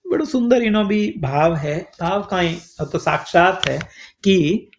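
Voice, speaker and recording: Slow sing-song preacher. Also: male voice, high-pitched, fairly bright tone. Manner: slow, sing-song storytelling with Sanskrit verses and acted voices. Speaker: preacher telling scripture stories. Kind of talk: devotional story sermon. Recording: dull lo-fi recording.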